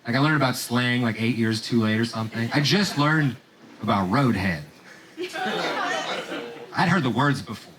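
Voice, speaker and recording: A man's voice: medium pitch, moderate pace, long pauses, background noise. Man doing stand-up over crowd laughter. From Romania. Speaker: stand-up comedian. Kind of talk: stand-up set. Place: comedy theater stage with live audience. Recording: live stage recording with crowd laughter.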